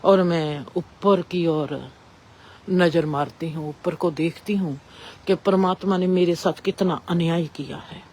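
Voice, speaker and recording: A woman telling a reflective spiritual story in a slow, measured way with long pauses. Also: fairly low pitch, darkish tone.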